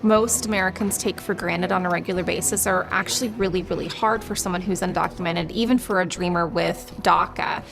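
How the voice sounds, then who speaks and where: Woman, slightly low voice, articulate, measured, faint music behind. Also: steady tone, gravelly. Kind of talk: documentary interview.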